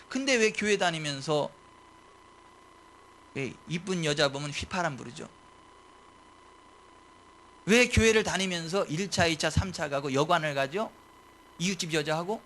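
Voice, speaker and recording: A male pastor preaching a sermon, full of rhetorical questions, who swings from soft asides to loud shouted declarations. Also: high-pitched, a little hiss or hum.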